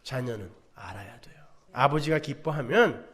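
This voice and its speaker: A man's voice: medium pitch, lively intonation, normal speed, fairly bright tone. A male pastor preaching a dramatic sermon, asking rhetorical questions and acting out quotes.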